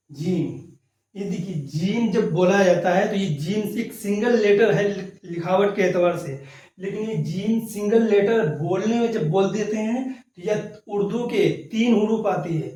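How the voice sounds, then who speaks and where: A man's voice: high-pitched, warm tone. A man teaching the alphabet, patiently sounding out and repeating each letter. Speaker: Urdu teacher. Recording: echoey room, voice far from the mic.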